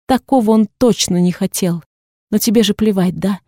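A woman voicing a grieving, furious young daughter in an audiobook, with shrill, defiant outbursts. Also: moderate pace, mellow, no echo, studio quality, lightly acted.

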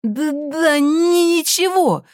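A woman voicing a furious teenage boy who stutters, shouts and swears. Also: sits high, takes it slowly, no echo, clean studio sound, voice pushed up. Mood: screaming.

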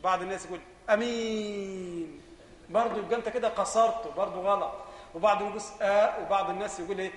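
A man with an Egyptian accent teaching a religious lesson as a sheikh. He asks questions and answers them himself, and builds to loud, emphatic passages. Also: high voice, steady tone, racing, echoey room, big-room sound. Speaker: sheikh teaching Islamic jurisprudence.

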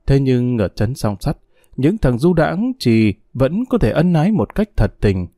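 A man narrating an audiobook in an expressive storytelling voice. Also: mid-range voice, no room sound, clean studio sound.

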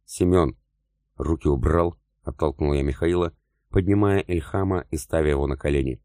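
Very deep-voiced male audiobook narrator. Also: brisk, dark tone, no echo, studio quality. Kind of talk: first-person audiobook narration.

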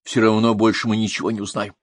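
A man's voice: on the low side, little pitch movement, fast talker, dry recording, close to an everyday voice. A man reading an audiobook, voicing a brusque, impatient male police commissar. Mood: grudging. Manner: brusque, commanding.

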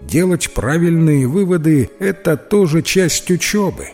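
A man's voice: on the high side, animated, measured pace, a little mellow, soft background music, pitched above the performer's own voice. A man voicing a bespectacled, dignified know-it-all schoolboy in a children's storybook. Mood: prim. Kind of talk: storybook character voice.

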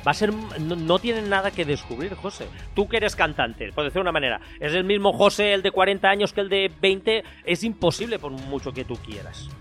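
A man with a Spain Spanish accent hosts a casual music podcast, building his points slowly and repeating phrases as he thinks. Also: high-pitched, expressive, a bit bright. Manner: thoughtful, repeats phrases while building an argument. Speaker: podcast host.

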